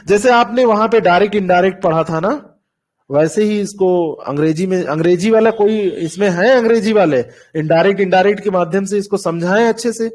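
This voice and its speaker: A man with a notably high voice leads an online doubt-clearing class, talking over a call mic. He explains things patiently and goes back over the same examples step by step. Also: brisk, darkish tone. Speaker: teacher.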